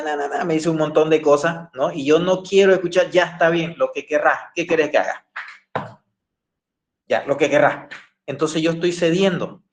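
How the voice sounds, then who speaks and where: A man giving a classroom lecture, explaining with everyday examples and often asking the class for agreement. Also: fairly high pitch. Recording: echoey room.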